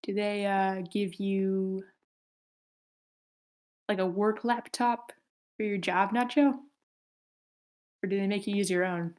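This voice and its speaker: This table-read host speaks in a medium-pitched, steady, slightly mellow voice, going slowly and pausing often. On the online voice call she chats casually and politely while arranging the group and casting roles.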